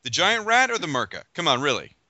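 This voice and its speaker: A man's voice: on the high side, quick pace, dry recording. A man hosting a podcast panel chat, teasing his guests and cutting them off. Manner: animated and teasing, cuts others off. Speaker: podcast host. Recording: dull, dry podcast audio.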